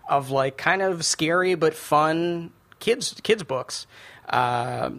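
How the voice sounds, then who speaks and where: A man's voice: fairly high pitch, takes it slowly, a bit bright. A man co-hosting a podcast in a laid-back, chatty way, with plenty of fillers and laughs. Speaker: podcast co-host and producer. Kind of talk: casual chat.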